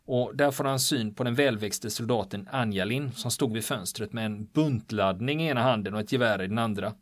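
A man's voice: mid-range voice, dry recording, clean studio sound. A man recounting a wartime history in a casual spoken style, telling it vividly and acting out the quoted lines of the people involved. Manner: animated, vivid retelling with quoted dialogue. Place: on the island where the events happened.

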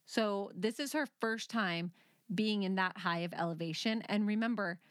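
A woman's voice: mid-range voice, moderate pace, no room sound, clean studio sound. A woman hosting a true-crime podcast, telling the story conversationally in an informal, explanatory way with teasing banter. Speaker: podcast host.

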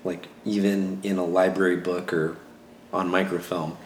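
A man's voice: sits low, flat delivery, moderate pace. A man playing a tabletop game, joking and teasing the game master. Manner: wisecracking, teasing. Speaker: player. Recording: echoey room with faint ambient noise.

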